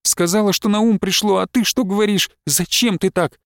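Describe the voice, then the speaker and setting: A man reading aloud and voicing a frightened young wife who pleads with her husband, her lines pitched up and close to tears. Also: fairly even intonation, normal speed, vocal fry, no room sound. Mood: pleading. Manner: pleading, rising, near tears.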